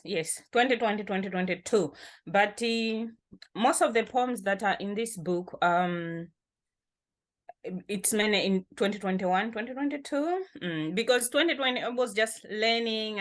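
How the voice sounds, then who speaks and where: A woman's voice: medium pitch, fairly bright tone. A woman from Malawi, a poet and activist, speaking as an interview guest. She talks casually, laughs often and repeats words while she gathers her thoughts.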